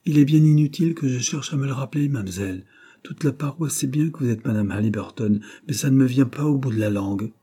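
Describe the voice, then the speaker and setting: A man's voice: mid-range voice, quick pace, dark tone, husky, pitched above the performer's own voice, natural voice. A man voicing a female household servant who grumbles with faint scorn. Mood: grumbling.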